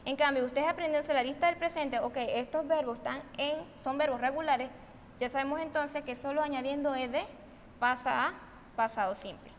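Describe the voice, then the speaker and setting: A Venezuelan woman teaching English pronunciation, switching between Spanish and English and repeating each example word slowly and with emphasis. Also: sits high, big-room sound, lo-fi sound, slight background noise. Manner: slow, emphatic repetition of example words. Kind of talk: recorded online English lesson.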